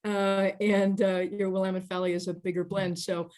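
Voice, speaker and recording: A woman's voice: mid-range voice, level tone, normal speed, a little mellow. A woman with an American accent hosting a session, casually introducing guests and putting questions to them. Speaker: host moderating a tasting session. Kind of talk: casual moderated interview.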